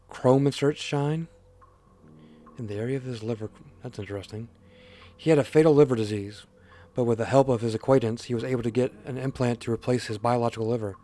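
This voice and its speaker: A man with a mellow, warm voice hosts a casual let's play. He reads the game's story text aloud in a plain voice and breaks off for joking asides. Faint music plays behind him. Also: mid-range voice. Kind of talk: casual game reading commentary.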